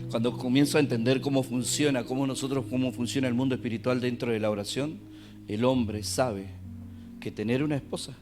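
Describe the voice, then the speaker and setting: Argentine preacher guy, sermon, gets loud and emphatic then drops to asides, keys playing faintly behind. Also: medium pitch. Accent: Argentine Spanish. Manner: preaching with rising emphatic bursts and asides to the congregation. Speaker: pastor. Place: church.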